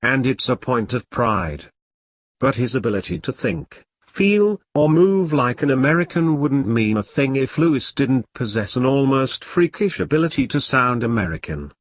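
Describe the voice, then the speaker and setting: A man reading a news article aloud as scripted narration, voicing the quotes in the same even narrating voice. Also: mid-range voice, moderate pace. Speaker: news reader.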